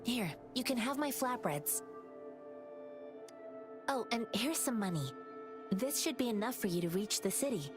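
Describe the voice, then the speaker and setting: An earnest young heroine speaks with calm, principled kindness and a gently scolding edge. Her voice sits a touch high. A game score plays clearly behind her. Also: unhurried, pauses often, music in the background. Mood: kind. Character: earnest young female hero, kind and principled.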